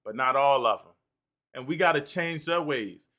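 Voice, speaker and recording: Bright-voiced male livestream host. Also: mid-range voice, normal speed. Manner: animated, reads out and answers chat comments. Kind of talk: livestream talk reading chat comments.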